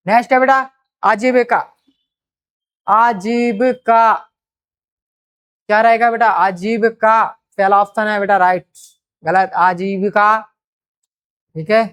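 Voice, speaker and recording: A woman's voice: medium pitch, steady tone, unhurried, smooth. A woman teaching a grammar exam-prep lesson, addressing students fondly and drawing out repeated words as she works through each question.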